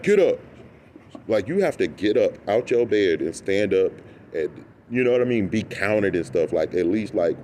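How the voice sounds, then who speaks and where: A man's voice: lowish voice, slight background noise. A man on a rambling, comedic rant, telling stories in a loose, tangential way, repeating himself and acting out what people say. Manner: animated storytelling that acts out quoted remarks.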